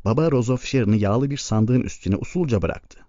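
A man narrating an audiobook in a measured, even storytelling manner. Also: medium pitch, no room sound. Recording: dull lo-fi recording.

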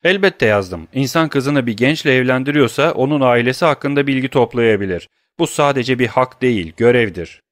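A man's voice: medium pitch, lively intonation, moderate pace, hardly any pauses, no echo, studio quality, pitched above the performer's own voice, lightly acted. A man reading an audiobook who voices a middle-aged banker who is frightened but indignant, protesting in a defensive, agitated way.

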